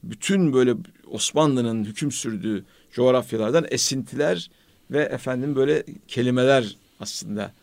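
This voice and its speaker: A man hosting a casual radio talk, reflective and measured, with pious phrasing now and then. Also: medium pitch, vocal fry, darkish tone, no room sound. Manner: reflective, speaks with religious phrases. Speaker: radio host.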